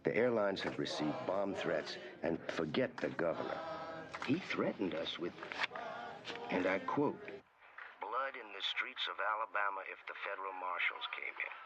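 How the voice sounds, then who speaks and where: Deep-voiced aide reporting trouble, noisy background. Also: male voice, normal speed, highs cut off. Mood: grim. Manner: steady, grim reporting. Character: male government aide reporting from the field.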